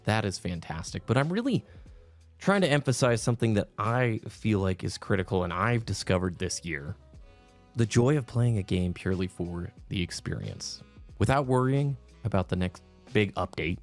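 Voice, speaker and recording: Guy with a lowish voice doing earnest emphatic gaming commentary, bit of music behind. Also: expressive, moderate pace. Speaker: video game commentator. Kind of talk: earnest opinion commentary to viewers. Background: background music.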